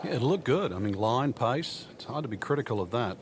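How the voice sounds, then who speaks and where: A man working as a golf commentator, giving conversational, explanatory analysis in a measured way. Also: medium pitch, expressive, lightly acted. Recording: outdoor crowd and ambient noise behind. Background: loud crowd, outdoor ambience.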